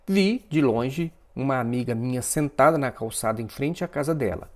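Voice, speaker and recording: A man narrating a first-person story in an expressive, dramatic way. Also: medium pitch, moderate pace.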